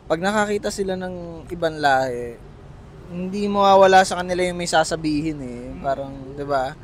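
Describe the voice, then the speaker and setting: Man, casual chat, easygoing, hesitant with fillers, fairly high voice, faint traffic behind. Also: normal speed.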